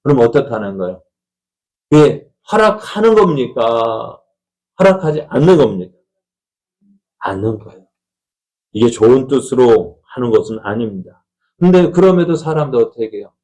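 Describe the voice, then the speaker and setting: A man's voice: medium pitch, very animated, normal speed, long pauses, a little mellow, low-quality recording. A middle-aged man, a pastor, preaching a conversational Sunday sermon in a church, asking the congregation questions and acting out family quarrels. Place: church sanctuary.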